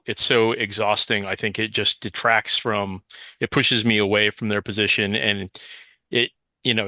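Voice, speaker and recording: A man speaking haltingly and with frustration about politics, repeating his words. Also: lowish voice, pushed and bright, dry recording. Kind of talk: candid personal comment. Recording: dull, dry, lo-fi audio.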